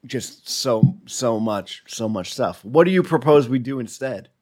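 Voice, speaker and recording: Male podcast co-host, mid-pitched voice, joking and teasing. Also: expressive, measured pace, a little mellow. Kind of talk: casual chat.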